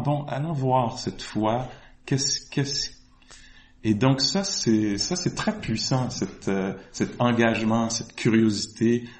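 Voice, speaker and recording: Male meditation teacher, mid-pitched, thoughtful and halting, roomy echo. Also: darkish tone. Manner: hesitant, reflective, with frequent restarts. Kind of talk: answering questions in a dharma talk. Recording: echoey room.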